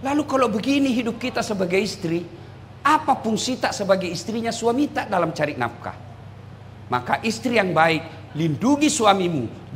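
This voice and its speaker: A middle-aged male preacher from South Sulawesi with a Makassarese Indonesian accent, delivering a humorous sermon. His voice sits high for a man and he teases the crowd, often breaking into shouts. A faint hum of room noise lies under his speech. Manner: animated, teasing, rising to shouts. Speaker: Islamic preacher.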